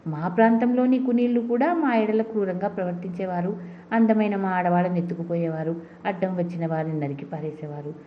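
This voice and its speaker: A woman's voice: lowish voice, fairly even intonation, a little fast, a little hiss or hum, lightly acted. Brief: aggrieved beggar man, read by a woman, grim, lo-fi storybook. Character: aggrieved adult male beggar. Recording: dull lo-fi recording.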